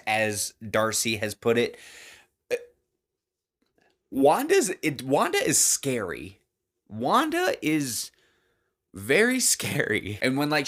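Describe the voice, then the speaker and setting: Male video reviewer, unhurried and chatty, mid-range voice, rambling delivery. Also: mid-range voice, a bit bright. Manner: chatty, rambling, heavy on fillers, swears. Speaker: TV episode reviewer.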